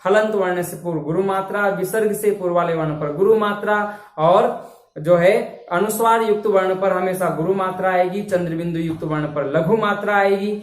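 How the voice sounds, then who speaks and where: A man's voice: high-pitched, normal speed. Male teacher, patient step-by-step explainer, recorded from a distance in an echoey room with faint hiss. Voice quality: explains step by step, often asks if it's understood. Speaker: Hindi teacher. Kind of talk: classroom-style lesson.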